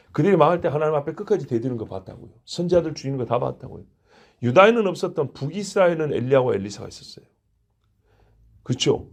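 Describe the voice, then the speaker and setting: A male pastor giving an expository sermon, animated and acting out quotes as dialogue, with a gravelly, husky voice. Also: on the high side.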